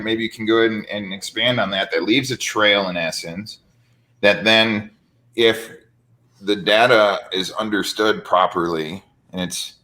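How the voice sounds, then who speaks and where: A man's voice: fairly low pitch, poor audio. A man hosting a casual business interview, talking energetically and often checking in with "right?". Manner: energetic salesy talk with many "right?" tags. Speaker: host.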